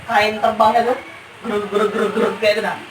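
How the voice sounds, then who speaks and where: Recounting her ghost sightings as a guest, this woman talks fast in a mid-range voice with a flat delivery. Her storytelling is casual, and she repeats phrases to stress her points. A distant mic in a roomy space captures her along with background noise.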